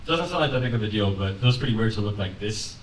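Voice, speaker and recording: A young man doing a conversational, deadpan stand-up set on a comedy club stage, laughing lightly at his own lines. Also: fairly low pitch, fast, a little hiss or hum. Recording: roomy club sound from a distance, with audience laughter. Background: audience laughing.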